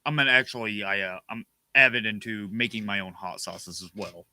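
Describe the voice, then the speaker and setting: A man chatting casually as a guest, calmly describing how the food tastes and feels, with frequent hesitant restarts. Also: lowish voice, a little fast, smooth, dry recording. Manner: matter-of-fact, hesitant restarts. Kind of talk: casual chat while tasting hot foods.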